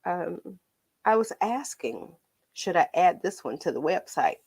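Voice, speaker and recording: A woman's voice: fairly low pitch, sing-song, a little slow, creaky, darkish tone, husky. An American woman with a tinny, slightly metallic voice chats casually on a painting livestream, rambling playfully to her viewers as host and art teacher.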